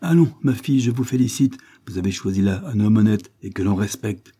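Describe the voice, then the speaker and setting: A man playing a composed gentleman lawyer. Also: lowish voice, a little fast, husky. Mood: wry.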